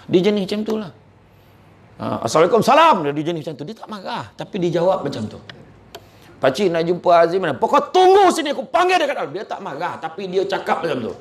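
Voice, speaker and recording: Lively storytelling man, slightly high voice. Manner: animated storyteller, colloquial and joking. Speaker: motivational speaker. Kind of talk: live motivational talk with religious stories.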